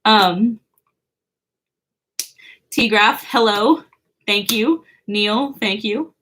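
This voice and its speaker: At home, a young woman hosts her birthday livestream, chatting casually with viewers, giggling and saying "like" a lot. Her voice is mid-range and a bit bright, she talks extremely slowly, and the recording is rough.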